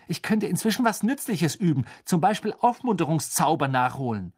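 A man voicing a clever, exasperated teenage schoolgirl in an audiobook, scornful and sarcastic with high indignant outbursts. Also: very animated, normal speed, breathy edge. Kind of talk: audiobook character voice.

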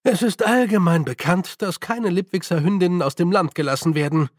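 A man's voice: high voice, brisk, no echo, studio quality. A man voicing a slick young commanding swindler. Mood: confident. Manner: assured, raised commanding calls. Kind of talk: audiobook character voice.

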